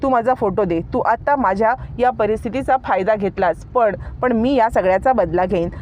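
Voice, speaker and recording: A woman's voice: a little high, normal speed, darkish tone, dull audio, a little hiss or hum, natural voice. A woman voicing a proud, vengeful young woman who speaks defiantly and bitterly, in a retold serial story.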